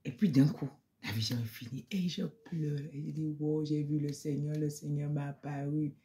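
A woman's voice: low-pitched, fairly even intonation, moderate pace, mellow, a little hiss or hum. A woman giving an emotional spoken testimony in church, repeating phrases and sometimes dropping to a near-whisper.

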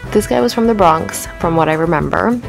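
A woman's voice: lowish voice, expressive, a little fast, gravelly. A young woman from Canada talking to her handheld camera outdoors on city streets, chatty and bubbly with lots of "like"s. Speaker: travel vlogger. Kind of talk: casual vlog talk to camera. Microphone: handheld camera talking to herself. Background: music.

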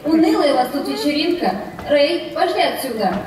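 Very high, snooty anime schoolgirl played by a woman. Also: animated, normal speed, a little mellow. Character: snooty fourteen-year-old anime schoolgirl, dismissive. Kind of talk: theatrical anime parody skit. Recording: echoey hall, far off, some noise.

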